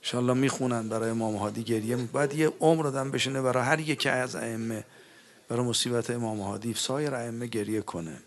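A man preaching a religious mourning sermon, moving between spoken eulogy and chanted elegy in a mournful, grieving way. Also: medium pitch.

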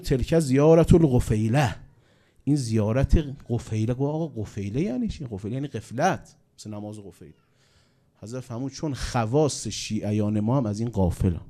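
Dark-voiced man preaching a mournful sermon. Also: on the low side. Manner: swings between loud exclamations and hushed, mournful lines. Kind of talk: religious sermon with storytelling.

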